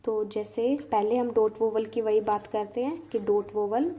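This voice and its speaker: Mellow-voiced woman teaching shorthand. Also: medium pitch, lo-fi sound. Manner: explains step by step, repeating example words slowly. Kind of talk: online lesson.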